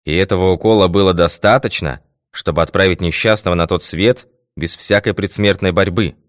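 A man reading a calm methodical detective, low and dry. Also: a little fast, no echo, natural voice. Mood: assured.

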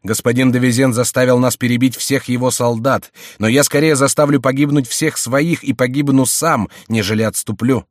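A man voicing a bold, commanding warrior king in an audiobook, speaking fervently and loudly. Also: mid-range voice, fairly even intonation, moderate pace, few pauses, no echo, clean studio sound, pitched above the performer's own voice, lightly acted. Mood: defiant.

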